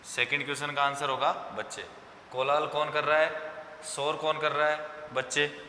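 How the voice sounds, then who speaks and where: A man's voice: a little high, flat delivery, pushed and bright. Hindi-speaking male teacher dictating answers. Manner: explains slowly, repeats answers for dictation. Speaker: school teacher. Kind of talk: online class lesson. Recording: echoey room with faint background hum.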